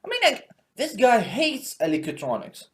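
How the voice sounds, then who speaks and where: Male stand-up comic, fairly high voice, rambling and profane, leans on fillers. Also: huge pitch swings, unhurried. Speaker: comedian. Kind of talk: stand-up comedy monologue.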